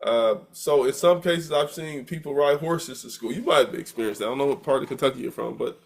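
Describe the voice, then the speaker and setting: A man's voice: mid-range voice, brisk, gravelly. A middle-aged man from the United States giving a recorded university lecture in a conversational way, often repeating words as he thinks. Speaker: university professor.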